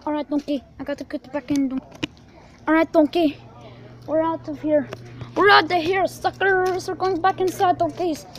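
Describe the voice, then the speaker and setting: A woman's voice: very high voice, fairly even intonation, normal speed, a little hiss or hum. A woman playing a jumpy, childlike male ogre in a homemade role-play vlog, calling everyone donkey. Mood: playful. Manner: playful, calls everyone donkey. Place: outdoors at night, then indoors at home. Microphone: handheld video camera.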